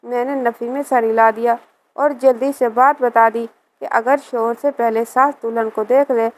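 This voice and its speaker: A woman telling a scripted first-person story with a steady, even delivery. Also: fairly high pitch, low-quality recording.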